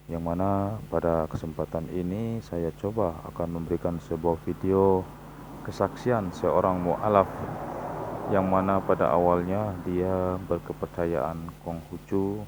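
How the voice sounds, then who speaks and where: A very deep-voiced man introduces a video in a formal, preacher-like tone, speaking straight to his viewers. A faint hiss sits under his voice in the recording. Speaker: channel host.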